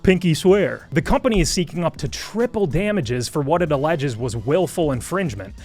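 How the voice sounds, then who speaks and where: A man's voice: a little high, very animated, a little fast, darkish tone, soft background music. A man hosting a scripted news commentary show, explaining a legal story in a wry, joking manner with sponsor plugs. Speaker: host.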